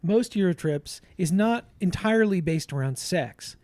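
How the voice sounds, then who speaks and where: A man in his thirties co-hosting a podcast, telling stories in casual chat, animated and laughing often. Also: high voice, unhurried, dry recording. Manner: animated storyteller, laughs often, shouts when quoting himself. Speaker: podcast co-host.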